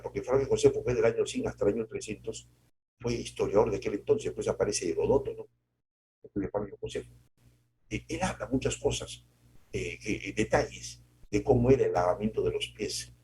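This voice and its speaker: Male pastor, devotional sermon, conversational, tag questions, loud then soft. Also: on the low side, a little hiss or hum. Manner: shifts between loud emphasis and soft asides.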